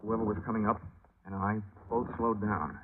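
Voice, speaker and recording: An actor playing Johnny Dollar, a wisecracking American insurance investigator, in 1940s radio drama style. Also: male voice, on the low side, steady tone, normal speed, background noise, lightly acted. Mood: tense wry narration. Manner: wry, slangy, hardboiled. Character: wisecracking hardboiled male insurance investigator narrating his case. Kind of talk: 1940s radio detective acting and narration. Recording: dull vintage radio recording with loud music.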